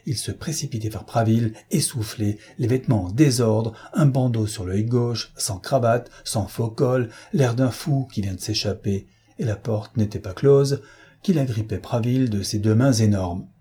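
A man narrating an audiobook in a measured, plain storytelling manner. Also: medium pitch, mellow, slightly rough.

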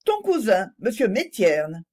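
A woman's voice: medium pitch, huge pitch swings, measured pace, a little mellow. Woman reading as an emotional aristocratic lady. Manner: emotional, pleading. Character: flustered aristocratic lady, tender and excitable.

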